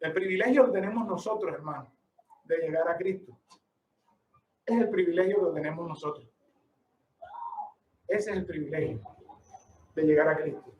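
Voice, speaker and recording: High-voiced emphatic male preacher. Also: moderate pace, long pauses, reverberant, far from the mic, dull audio. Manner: emphatic, rhetorical questions, addresses listeners as brother. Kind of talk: sermon.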